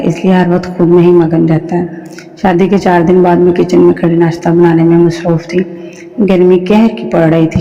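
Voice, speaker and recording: A man's voice: high voice, dark tone, in a large hall, highs cut off. A man reading out a first-person story, narrating steadily with small slips.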